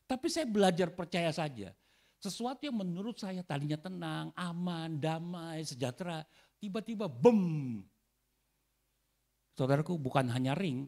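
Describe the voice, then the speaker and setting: A man preaching a sermon as pastor, animated and often calling out to the congregation. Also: medium pitch. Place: church hall.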